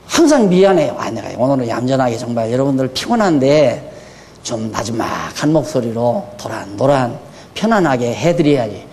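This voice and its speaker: An older man preaching a sermon in a church, moving between quiet asides and fiery, shouted questions. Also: mid-range voice, big pitch swings, moderate pace, big-room sound, a little hiss or hum. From Korea. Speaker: pastor. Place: church hall.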